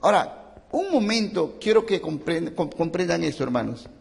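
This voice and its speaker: A man's voice: fairly high pitch, big pitch swings, moderate pace, gravelly, long reverb tail. A man preaching a sermon as a pastor, impassioned and repeating phrases for emphasis. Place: church.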